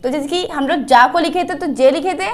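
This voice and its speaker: A woman leads a children's writing lesson in a high voice. She goes slowly, repeats each sound and keeps asking the children what they see. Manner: slow, repeated letter drills with questions to children. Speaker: teacher.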